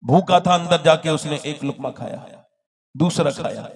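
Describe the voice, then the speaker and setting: A man preaching an Islamic sermon, telling a story with passion and rising to loud shouts as he questions the crowd. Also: on the high side, normal speed. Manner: addresses the crowd directly with questions.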